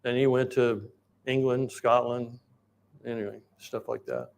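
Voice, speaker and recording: A man, preaching a sermon in a folksy, rambling storytelling way and clearing his throat now and then. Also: mid-range voice, steady tone, a little slow, darkish tone. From Oklahoma, United States. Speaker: pastor.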